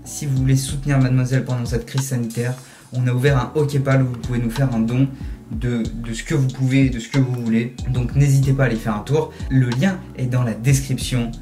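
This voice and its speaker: A man's voice: mid-range voice, a little mellow. Chatty male host, casual tutorial, mid voice, music underneath. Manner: chatty, jokey, step-by-step explaining. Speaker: video host.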